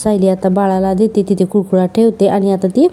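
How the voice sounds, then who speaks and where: A woman's voice: mid-range voice, level tone, fairly quick, mellow. A woman narrating a serial episode recap in a chatty storytelling way, with asides to her listeners.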